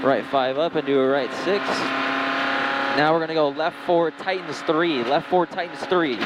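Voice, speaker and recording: Higher-voiced man calling rally notes over engine roar. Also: normal speed. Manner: clipped, repetitive callouts with numbers. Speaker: rally co-driver. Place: inside a moving rally car. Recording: very loud race car engine noise. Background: engine roar, tire squeal, car noise.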